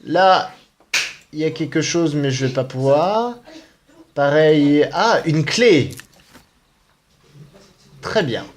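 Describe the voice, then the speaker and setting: A man's voice: fairly high pitch, expressive, takes it slowly, pauses often, noisy background. Male let's-play host, casual and playful, swooping intonation, leisurely pace. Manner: playful, exclaiming and muttering to himself. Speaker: video game player commentating.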